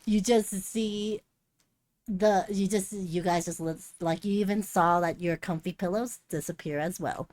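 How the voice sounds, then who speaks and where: A woman's voice: mid-range voice, steady tone, measured pace, a little mellow, no room sound. A woman running a tabletop role-play as game master, narrating in a casual, encouraging way.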